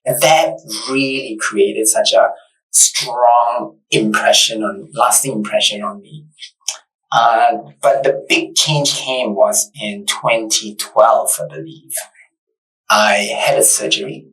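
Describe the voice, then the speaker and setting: A man's voice: fairly low pitch, takes it slowly, fairly bright tone, recorded from a distance, low-quality recording. A man in his thirties from Malaysia, a podcast guest telling his story in an earnest, reflective way. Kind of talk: casual interview conversation. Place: bright studio set.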